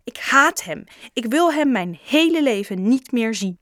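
A woman voicing an upset runaway boy in an audiobook, pitched up and defensive. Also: moderate pace, dry recording, clean studio sound, close to an everyday voice. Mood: angry, tearful. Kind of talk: audiobook character reading.

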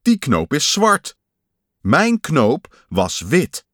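A man's voice: on the high side, wildly swooping pitch, fairly bright tone, no room sound, studio quality, pitched above the performer's own voice, exaggerated voice. Man voicing grumpy storybook creature Pat. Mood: grumbling. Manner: complaining, slow insistent emphasis. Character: fussy grumbling male creature, button lost. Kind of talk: storybook voice acting.

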